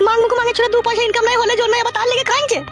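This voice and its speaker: A woman voicing village women in a comedy cartoon, shrill, scolding and lamenting. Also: little pitch movement, racing, fairly bright tone, faint music behind.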